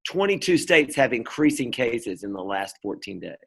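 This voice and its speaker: Very animated, with a gravelly, breathy edge to his medium-pitched voice, a middle-aged interview guest from North Carolina talks at a moderate pace. He rambles casually through the conversation, restarting often and leaning on fillers.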